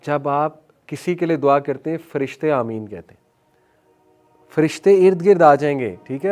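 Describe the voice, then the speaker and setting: A man giving an earnest motivational religious talk, mixing English phrases into his speech and slowing down to recite phrases. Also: fairly high pitch, a little mellow. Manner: earnest, mixes English phrases into Hindi-Urdu, slows to recite phrases. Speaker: Islamic speaker.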